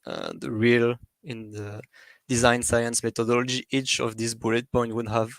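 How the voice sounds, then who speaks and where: A man giving an academic presentation, talking in a halting way with many fillers and restarts. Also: mid-range voice, little pitch movement, dry recording.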